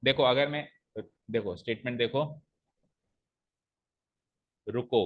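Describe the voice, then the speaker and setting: A man's voice: medium pitch, narrow, tinny audio. Man teaching a maths class. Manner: explains step by step, asks the class questions; reads expressions aloud slowly, stressing the pauses.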